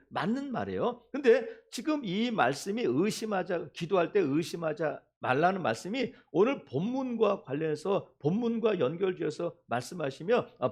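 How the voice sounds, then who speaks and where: A male pastor preaching a sermon, asking the congregation questions and acting out quoted voices. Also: high-pitched.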